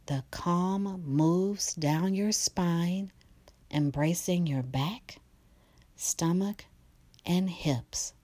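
Very slow, soft-spoken meditation guide woman. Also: fairly low pitch, dry recording. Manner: soft, slow, partly whispered delivery.

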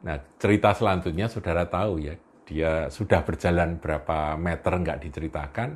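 A man's voice: sits low, normal speed, husky. A male preacher delivering a sermon in a storytelling manner, often chuckling and addressing his listeners directly.

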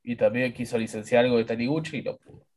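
A man's voice: mid-range voice, fast, darkish tone. A man with a Rioplatense Spanish accent, sharing manga news in a casual chat, dry and offhand.

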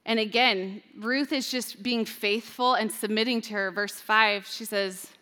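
Bright-voiced woman teaching in a reverberant hall. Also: medium pitch, fairly even intonation, unhurried. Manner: casual and chatty, with playful modern asides. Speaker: speaker at a Bible talk. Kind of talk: conversational Bible teaching.

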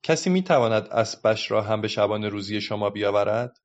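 A man voicing a cheeky, quick-witted little girl who talks playfully, in a dull lo-fi recording. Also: fairly low pitch, close to an everyday voice.

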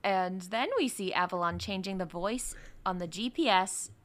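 A woman's voice: mid-range voice, moderate pace. A young woman co-hosting a casual podcast, rambling through a film plot with fillers and puzzled questions. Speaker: podcast co-host. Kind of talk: casual chat recapping a film.

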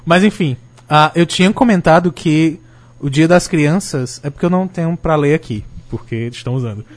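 A man's voice: a little high, fairly quick. A man chatting on a podcast panel, joking and laughing often between lines. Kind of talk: casual chat.

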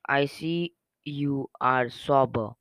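A man voicing a self-satisfied gentleman who speaks in a patronizing, measured way. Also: mid-range voice, no room sound, rough recording.

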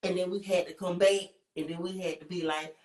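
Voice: medium pitch, steady tone, a little fast. Joking guest who repeats every punchline. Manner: joking, repeats lines for comic effect. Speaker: show guest. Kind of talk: casual chat. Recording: echoey room, distant mic, faint noise.

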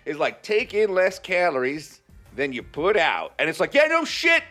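A young adult man co-hosting a podcast, animated and sarcastic in casual banter, acting out quoted lines. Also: fairly high pitch, normal speed, faint music behind. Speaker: podcast co-host.

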